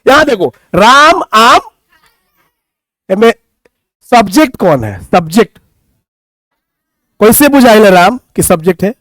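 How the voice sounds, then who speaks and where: A man's voice: sits high, a bit bright, dry recording. A man with a Bhojpuri accent teaching English grammar to a class, playfully teasing students and reciting verse. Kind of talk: classroom teaching with poetry and banter.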